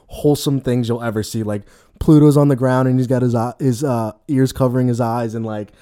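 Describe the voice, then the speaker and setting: Guy on a podcast telling stories, animated, lots of likes and you knows, medium voice. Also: medium pitch. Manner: animated storyteller, quick, filler-heavy. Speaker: podcast co-host, former costumed character performer. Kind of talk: casual podcast chat.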